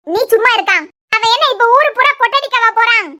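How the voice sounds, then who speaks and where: Lady doing a very high sharp cartoon auntie, kanyakumari accent. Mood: blunt. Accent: Kanyakumari Tamil. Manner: blunt, brisk. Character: blunt outspoken aunt.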